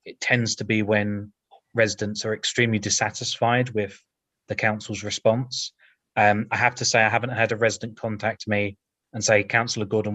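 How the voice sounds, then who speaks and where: A man's voice: lowish voice, a bit bright, dry recording. A male councillor speaking in a council committee meeting, hesitant, often repeating words, with light humour.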